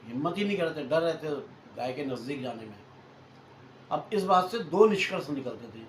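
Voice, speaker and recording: A man narrates a hunting tale in a loose, chatty way, going back over his points in new words. His voice sits a little high for a man. The room is echoey and has a faint hiss behind it. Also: animated, normal speed. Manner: chatty, repeats and rephrases points, addresses listeners as friends. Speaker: storyteller host. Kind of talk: casual spoken retelling of a hunting story.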